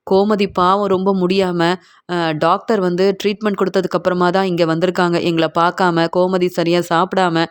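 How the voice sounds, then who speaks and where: A woman's voice: fairly low pitch, flat delivery, brisk, clean tone, natural voice. Woman reading as a pleading older father. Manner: pleading, aggrieved. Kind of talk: retelling a TV serial scene.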